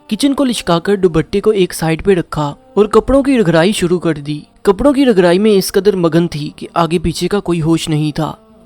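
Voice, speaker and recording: A man narrating a moral story in a measured storytelling voice. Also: sits high, darkish tone. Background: faint music.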